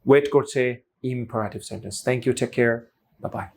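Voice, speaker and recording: Guy teaching english grammar, playful and chatty, mid pitch, keeps switching into english. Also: very slow, gravelly, darkish tone. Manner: playful, mixes Bengali with English phrases. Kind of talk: casual spoken lesson.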